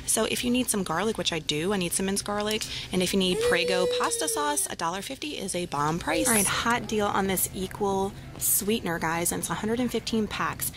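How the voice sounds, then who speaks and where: A couponing vlogger walks through store deals before filming from a parked car, chatting upbeat straight to viewers with "y'all" and "guys." Her mid-range voice is lively and fairly quick, with music in the background and noise from the store and car.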